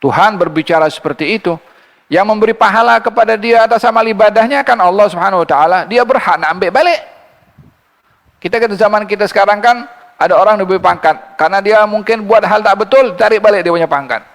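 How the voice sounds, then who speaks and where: A man giving a Quran commentary lecture, reciting verses slowly and then explaining them in a lively teaching voice. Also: high voice. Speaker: religious teacher. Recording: long hall reverb.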